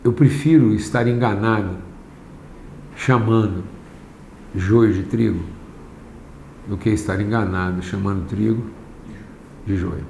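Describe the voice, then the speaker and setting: Man, pastor, sermon, gravelly, emphatic, hushed drops, echoey room, faint background noise. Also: lowish voice, steady tone. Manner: slow and emphatic, swings from raised to hushed. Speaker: pastor teaching a class.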